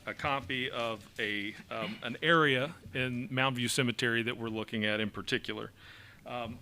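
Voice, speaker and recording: In a council chamber, a man presents an ordinance to the city council, explaining it with many fillers and an occasional chuckle. His voice is medium-pitched with a sharp tone.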